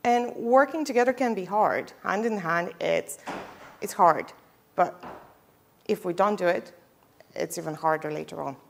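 A woman's voice: lowish voice, measured pace, creaky, pauses often, a little hiss or hum. A young woman from Bulgaria giving a conference talk on a headset mic in a lecture hall, chatty and casual, with frequent ums and self-deprecating asides. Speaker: conference speaker. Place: lecture hall with projector screen.

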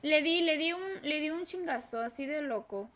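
A woman with a Mexican accent streaming a game live, excitable and swearing as she reacts to the play. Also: sits high, normal speed. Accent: Mexican Spanish. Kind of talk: live gameplay commentary.

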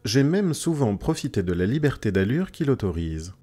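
A man's voice: mid-range voice, sing-song, normal speed, dark tone, husky, soft background music. A man voicing a clever young woman reading out her letter in a composed manner.

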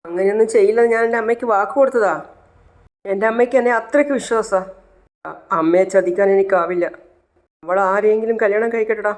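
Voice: medium pitch, steady tone, fast talker, pauses often, voice pushed up, lightly acted. A narrator voicing a heartbroken young man torn by duty, pleading and choked with tears. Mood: despairing. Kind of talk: retelling a TV serial.

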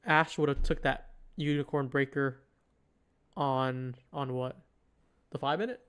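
A man's voice: mid-range voice, steady tone, measured pace, fairly bright tone, smooth. A man giving casual live trading commentary, thinking aloud in a hesitant way. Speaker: livestream host, futures trader.

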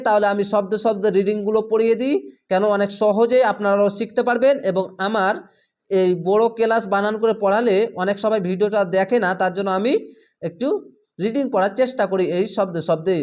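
Man teaching careful drawn-out recitation. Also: sits high. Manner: slowly draws out each recited word, then explains plainly. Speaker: Quran reading teacher. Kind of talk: step-by-step recitation lesson.

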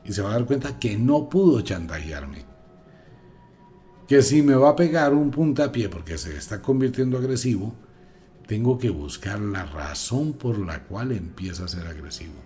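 A man giving an emphatic, preachy radio talk as host, moving between loud and hushed delivery. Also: fairly low pitch. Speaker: radio host, magic teacher.

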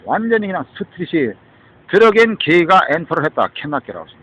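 A man's voice: on the high side, big pitch swings, moderate pace, a bit bright, low-quality recording. A man talking in a rambling monologue, switching between Korean and English and often breaking off with a questioning "huh?". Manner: rambling, mixes Korean and English, keeps asking "어?".

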